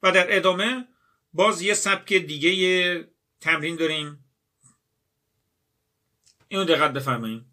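Bright-voiced man teaching a lesson. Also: high-pitched, pauses often. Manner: addresses students directly, asks and answers his own questions. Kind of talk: exam-prep grammar lesson.

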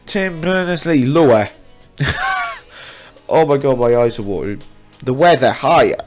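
A young adult man hosts a casual gaming challenge video from a small room at home, exclaiming and poking fun at himself. His mid-range, slightly mellow voice has lively intonation at a normal pace, recorded close up on a studio condenser mic with a pop filter over soft background music.

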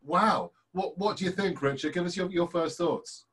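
A man's voice: sits high, normal speed, a bit bright, breathy edge. A man hosting an online student session, his voice sitting a little above average for a man. He is enthusiastic and effusive as he keeps the call moving between speakers. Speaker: host, course leader. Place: home, on a video call.

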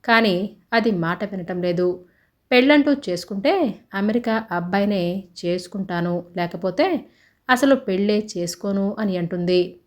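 A woman narrating a story in a steady storybook reading voice, giving the characters' lines in much the same voice. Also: medium pitch, a little slow. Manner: reads dialogue of several characters in one even voice.

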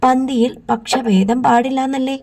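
A woman's voice: sits high, fairly even intonation, normal speed, darkish tone, slight background noise. A woman reading an audiobook, voicing a stubborn young woman who questions and holds firm.

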